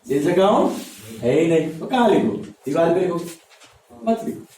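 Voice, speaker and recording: A man's voice: fairly high pitch, very animated, moderate pace, warm tone. A male teacher giving a classroom lecture, drilling steps by repeating them and quizzing his students. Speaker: commerce teacher. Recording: echoey classroom mic from far off.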